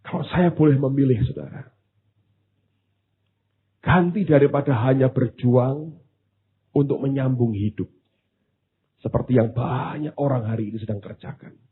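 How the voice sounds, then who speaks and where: A man preaching a sermon, swinging from hushed asides to loud exclamations, with casual slang jokes. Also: medium pitch, normal speed, pauses often, slight background noise. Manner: drops into casual Javanese-flavoured slang for humour. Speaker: pastor. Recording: tinny phone-like sound.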